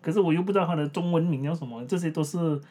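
A woman's voice: low voice, very fast, dark tone. A woman from Malaysia with a Malaysian accent, chatting casually as a podcast co-host in non-standard Mandarin, like a foreigner searching for words and repeating herself. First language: English-schooled Malaysian Chinese, non-standard Mandarin. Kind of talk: casual unscripted podcast chat.

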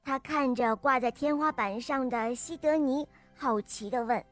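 Woman storyteller for kids, high bright voice, animated reading, light music underneath. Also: unhurried. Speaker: children's storyteller. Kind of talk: scripted children's story narration.

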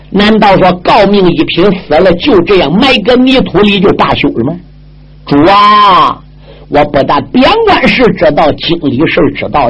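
A man's voice: high-pitched, husky, heavily acted, poor audio. Bao Gong, a man doing a stern righteous judge. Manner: commanding, pressing questions. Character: stern upright old male judge, righteous and forceful. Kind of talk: traditional storytelling, acted dialogue.

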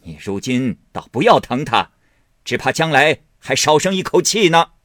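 A man's voice: medium pitch, big pitch swings, normal speed, fairly bright tone, no room sound, studio quality, voice pushed up. A man reading aloud and voicing a stern, grieving old matriarch who scolds her son with cold sneers. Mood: angry scolding.

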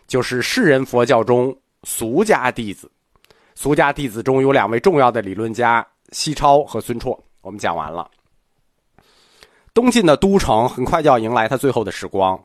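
Man lecturing seated, lively pitch. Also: dry recording, clean studio sound. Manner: swings between loud-fast and soft-slow delivery; speaking seated, softer and slower today. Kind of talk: history lecture.

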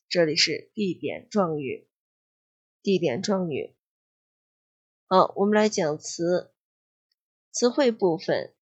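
A woman teaching an English exam lesson, explaining slowly and patiently and repeating key words. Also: fairly low pitch, slightly rough. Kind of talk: exam-prep grammar and vocabulary lesson.

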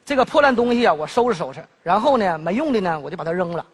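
An exasperated, husky city cousin. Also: male voice, high voice, big pitch swings, fast, long reverb tail, exaggerated voice. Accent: Northeast Chinese. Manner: exasperated, placating, laughs often. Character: well-off city man, patient younger cousin. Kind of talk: comedy sketch dialogue.

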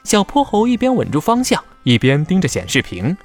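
Very animated male children's storyteller. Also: on the high side, brisk, faint music behind. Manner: dramatic, expressive storytelling. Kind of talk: scripted children's story narration.

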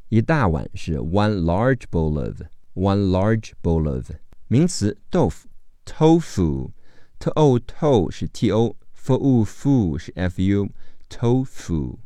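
A man leads an English phonics lesson, breaking each word into letters and sounds at an unhurried, careful pace. His voice is low and mellow, with lively rises and falls in pitch. It is recorded close and dry, with no room sound. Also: dry recording. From China. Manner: slow, deliberate spelling out of sounds and letters. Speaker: English teacher.

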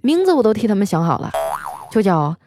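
A young woman tells comic stories as a radio host. Her delivery is wry and deadpan, and her voice sits at an ordinary middle pitch. Soft music plays faintly behind her. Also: very fast. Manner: wry, deadpan punchlines with playful quoted voices. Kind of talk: comic storytelling monologue.

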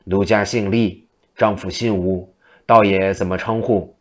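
A man's voice: low voice, fairly even intonation, unhurried. A man voicing a seductive female demon who poses as a frightened wife and speaks in a pleading, coaxing way.

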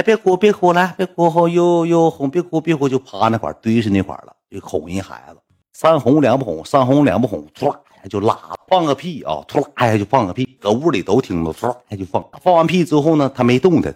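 A man with a thick Northeastern Mandarin accent spins a casual, rambling story for his livestream viewers. He sits in a fairly low register and circles back over his phrases as he goes. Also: a little mellow. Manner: rambling, repetitive, colloquial.

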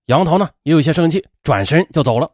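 A man narrating a true-crime story dramatically, in a colloquial manner with drawn-out particles. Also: dry recording, clean studio sound. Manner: animated, acts out women's lines in a high strained voice.

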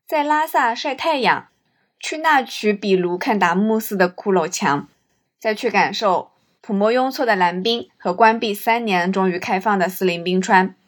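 A woman's voice: medium pitch, moderate pace. A woman with a mid-range voice tells a first-person travel story from a script. Her delivery is that of a reflective host, with literary phrasing.

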